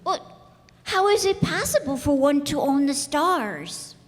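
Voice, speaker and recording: A woman's voice: high-pitched, sing-song, measured pace. A woman playing an earnest, curious little boy prince from another planet in a radio play, persistently asking questions. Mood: curious, insistent. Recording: echoey hall, music behind.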